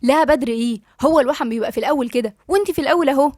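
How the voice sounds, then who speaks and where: Egyptian woman doing a fussy affectionate girlfriend, teasing and coaxing, high and super quick. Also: a little mellow, no echo, studio quality, close to an everyday voice. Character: fussing, affectionate young woman friend. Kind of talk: audiobook dialogue reading.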